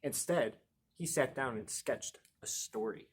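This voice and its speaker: A man reads a picture book aloud to children at library storytime, lively and playful, stretching out important words and pausing for chatty asides and questions to his audience. He speaks at a medium pitch, with slight background noise.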